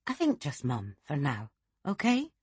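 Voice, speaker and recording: A woman voicing a gentle, pleasant middle-aged nurse with a Scottish accent in an audiobook. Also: low voice, wildly swooping pitch, a little slow, breathy edge, no echo, full character voice.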